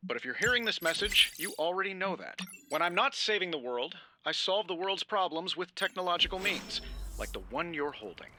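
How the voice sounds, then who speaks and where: An actor playing a witty, self-assured superhero inventor in a game, delivering a glib pre-recorded hologram message like a product pitch. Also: male voice, lively intonation, a little fast, noisy background. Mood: breezy, self-satisfied.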